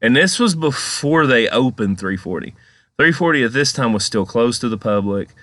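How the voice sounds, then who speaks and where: A man's voice: medium pitch, lively intonation, normal speed, fairly bright tone, dry recording. A man giving casual, rambling, conversational commentary as a paranormal vlog host. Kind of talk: casual storytelling commentary over footage.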